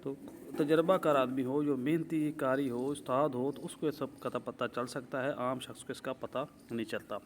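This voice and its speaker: A man teaching the rules of Quran recitation in a methodical lesson, explaining step by step and slowly drawing out example words. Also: medium pitch, steady tone, a little hiss or hum. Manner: drawn-out slow demonstrations of recited words. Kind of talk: tajweed lesson.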